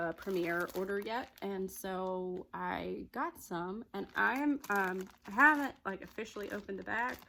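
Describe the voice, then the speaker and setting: Chatty Southern woman with a gravelly voice. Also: mid-range voice, fairly bright tone, a little hiss or hum, low-quality recording. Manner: chatty, rambling, laughs often. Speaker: yarn vlogger. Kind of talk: casual chat.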